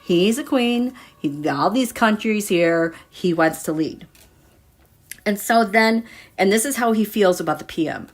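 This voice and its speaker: Slow-talking woman reading tarot. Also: medium pitch, lively intonation. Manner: chatty, meandering, thinks aloud. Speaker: tarot reader. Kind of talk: casual livestream chat.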